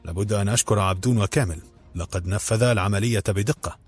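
A man voicing a calm, courteous male leader of a secret group in an audiobook, husky and low, over faint music. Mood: calm, measured. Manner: measured, courteous, gently commanding.

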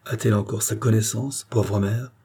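A man voicing a gentle, anxious young peasant woman in grief, speaking softly and hesitantly. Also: fairly low pitch, steady tone, normal speed, slightly rough.

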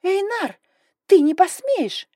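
A hot-tempered dragon mother cries out in a high, shrill, exclaiming voice, as a woman reading the book puts her on. She is loud and indignant, doting and quick to hiss. The sound is dry and close. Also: very animated, no room sound, full character voice. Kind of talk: audiobook character voicing.

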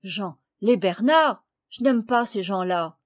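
A woman's voice: mid-range voice, animated, slow pace, dry recording. Woman reading as an earnest brave boy. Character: upright brave young boy.

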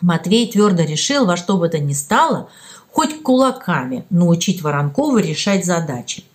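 A woman narrating a children's story as an audiobook, reading in an expressive storytelling way. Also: lowish voice, moderate pace.

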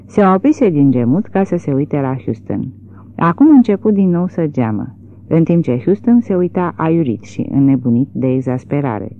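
A woman reading a literary novel aloud in a measured, expressive storytelling manner. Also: deep voice. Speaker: audiobook narrator. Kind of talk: literary audiobook narration. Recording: tinny phone-like audio.

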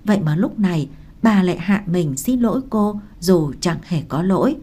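A woman narrating a novel in a calm, measured storytelling manner. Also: lowish voice, husky. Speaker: audiobook narrator.

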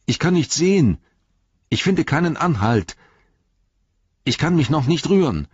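A man's voice: on the high side, very animated, unhurried, slightly rough, no echo, lo-fi sound, voice pushed up, full character voice. A man doing Frodo, a shaken hobbit. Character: shaken young male hobbit, weak then steadier.

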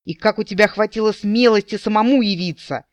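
A man voicing a fierce young female elf warrior who shouts shrilly and hysterically in an audiobook. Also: high-pitched, fairly quick, no echo, voice pushed up, close to an everyday voice. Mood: shrill, furious.

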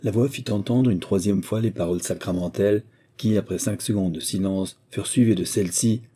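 A man narrating a classic story at a steady, measured pace. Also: fairly low pitch, breathy edge. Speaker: audiobook narrator. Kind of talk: scripted narration.

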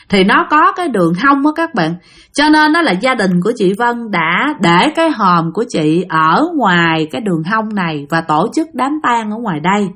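A woman tells a ghost story in a chatty way, speaking directly to her listeners. Her voice is medium-pitched with a fairly bright tone.

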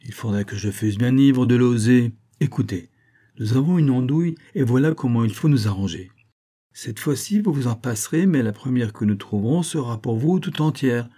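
A man's voice: medium pitch, lively intonation, moderate pace, warm tone, close to an everyday voice. A man voicing a sly, wary male cat who teases with mock piety in a storybook reading. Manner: mock-pious, smug and teasing.

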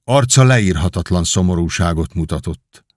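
A man narrating an audiobook in a measured storytelling manner. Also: low voice, lively intonation, a little mellow, no room sound, clean studio sound.

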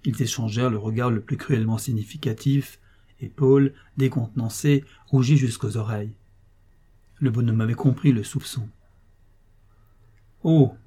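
A man reading a novel aloud as narrator, telling it in a measured, expressive way. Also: mid-range voice, breathy edge. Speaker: audiobook narrator. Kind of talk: scripted narration.

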